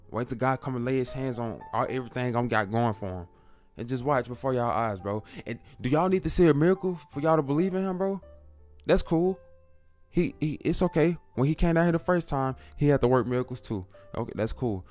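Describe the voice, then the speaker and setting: A man's voice: medium pitch, darkish tone. A young man, a YouTube creator, talking casually to camera about faith, preachy and slangy, calling viewers bro.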